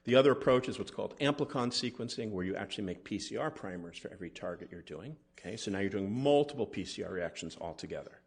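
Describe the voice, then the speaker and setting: A man's voice: fairly low pitch, expressive, quick pace, hardly any pauses, husky. A man, a molecular pathologist, giving a conference lecture in a conversational way, often checking in with the audience. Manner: conversational, asks the audience "right?" and "okay?". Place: conference hall.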